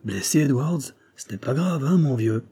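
A man's voice: medium pitch, animated, moderate pace, mellow, breathy edge, voice pushed up. A man reading a determined young man who asks urgent, impatient questions in an audiobook. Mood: worried.

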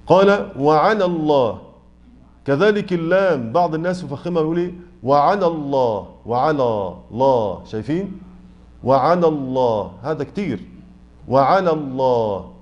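A man with an Egyptian Arabic accent and a fairly high voice teaches Quran recitation in a mosque study circle. He corrects mistakes in an animated way and demonstrates sounds by drawing words out slowly, one syllable at a time. The recording is dull and lo-fi. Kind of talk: tajweed lesson explaining a poem.

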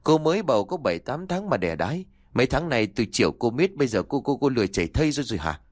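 A male storyteller voices a cruel old mother-in-law with a harsh, scolding tongue in a spoken audio story. Her pitch swings widely as she berates, sing-song and quick, and the sound is close and dry with no room around it.

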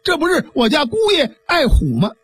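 A man's voice: extremely high pitch, huge pitch swings, fairly bright tone, no echo, soft background music, voice pushed up, heavily acted. Man doing a shrewd hero. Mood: puzzled. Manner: brisk, commanding. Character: shrewd, quick-witted male hero, middle-aged.

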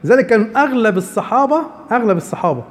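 Egyptian-accented religious teacher, fast and a little high, lecture hall echo. Keeps checking the room with rhetorical questions. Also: male voice, animated. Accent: Egyptian Arabic. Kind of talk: explaining hadith to a class.

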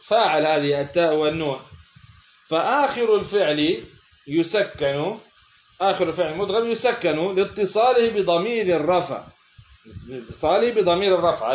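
A man giving a lesson on a grammar text, asking questions and then answering them himself, repeating words slowly. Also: on the high side, expressive, reverberant, dull audio, a little hiss or hum. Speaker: teacher of Arabic morphology.

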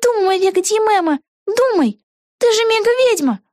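A woman voicing an excitable young girl witch in a storybook, talking fast and exclaiming eagerly in a very high voice. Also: no room sound, clean studio sound. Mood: excited.

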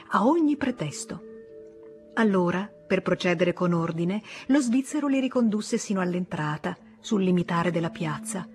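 A woman reading a classic novel aloud in a measured, expressive audiobook narration. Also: mid-range voice. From Italy. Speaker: audiobook reader. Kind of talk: literary narration.

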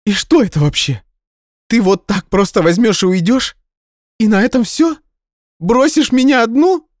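A man voicing a hysterical young woman who shouts through tears in an audiobook. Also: huge pitch swings, fairly quick, husky, dry recording, clean studio sound, full character voice. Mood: furious, tearful. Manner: shrill, sobbing outbursts.

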